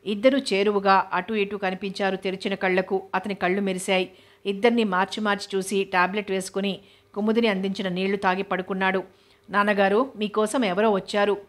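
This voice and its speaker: Woman reader for a serialized novel, flat steady delivery, medium pitch. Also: fairly quick. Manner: steady, even narration. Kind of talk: reading a novel aloud.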